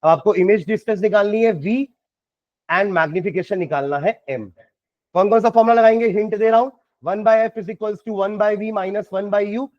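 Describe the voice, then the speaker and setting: A man's voice: sits high, unhurried, no room sound, dull audio. A man with an Indian accent teaching science, working through problems step by step and quizzing his students. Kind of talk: classroom lecture solving problems.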